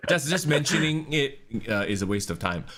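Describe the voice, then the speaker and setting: A man's voice: mid-range voice, very animated, fairly quick, a bit bright. A young man with a Singaporean English accent, co-hosting a wrestling podcast in casual, sarcastic chat, swearing freely. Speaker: podcast co-host.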